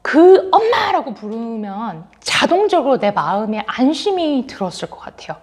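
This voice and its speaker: Lively high-voiced woman preaching to children. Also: moderate pace. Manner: animated, acts out quotes, laughs while telling. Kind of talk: children's sermon storytelling.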